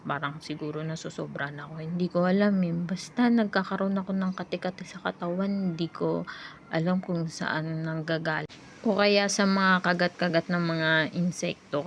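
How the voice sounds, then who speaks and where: A young woman in a casual personal vlog, talking in a soft, rambling, confiding way. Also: on the low side, lo-fi sound, a little hiss or hum. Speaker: vlogger.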